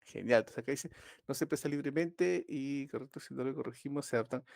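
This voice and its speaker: A man teaches a live online class in a relaxed, conversational way. He pauses often with fillers and stops to ask whether his students are following. The recording is dry, with no room echo. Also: medium pitch, vocal fry.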